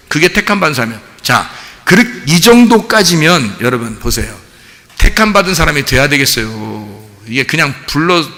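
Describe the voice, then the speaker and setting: A male pastor preaching a sermon with animated delivery, often firing rhetorical questions at the congregation. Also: on the high side, big-room sound. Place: church sanctuary.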